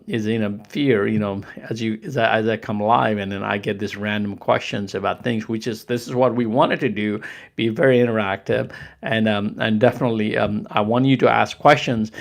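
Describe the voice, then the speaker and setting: An older man from Nepal with a Nepali accent, hosting a casual live stream, who talks in halting phrases full of restarts and fillers. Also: on the low side, gravelly.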